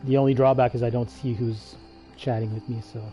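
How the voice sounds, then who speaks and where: A man's voice: medium pitch, little pitch movement, brisk, warm tone, soft background music. A man streaming a game, giving casual, hesitant commentary with many fillers and restarts. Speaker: gaming livestreamer.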